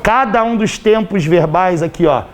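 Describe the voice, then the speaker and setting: Chatty Brazilian teacher, slightly hoarse. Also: male voice, high-pitched, moderate pace, a little hiss or hum. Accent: Brazilian Portuguese. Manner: chatty, teasing, constantly checks understanding. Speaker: Portuguese teacher. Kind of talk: live online class.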